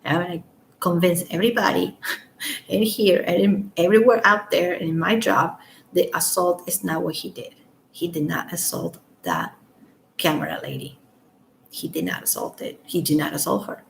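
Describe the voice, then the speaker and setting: A tired woman with a raspy voice giving casual, blunt, rambling opinion commentary. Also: fairly low pitch, animated, moderate pace, a little hiss or hum, low-quality recording.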